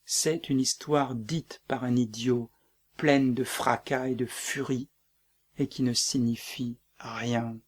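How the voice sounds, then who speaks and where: A man reading the part of a doomed tyrant king in a dramatic play reading, brooding and breaking into shouts. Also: medium pitch, fairly even intonation, slow. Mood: despairing.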